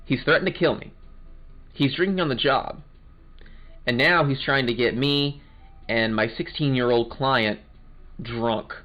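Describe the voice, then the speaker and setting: A man's voice: mid-range voice, a little slow, long pauses, dull audio, faint music behind. Chatty man doing game commentary. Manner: chatty, joking asides. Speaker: game playthrough narrator. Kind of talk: casual gaming commentary.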